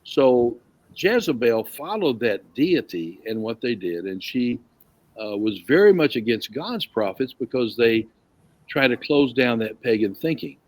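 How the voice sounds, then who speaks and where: A man's voice: mid-range voice, big pitch swings, measured pace, a little mellow. A man teaching a casual Bible study group, rambling a little and asking the group questions.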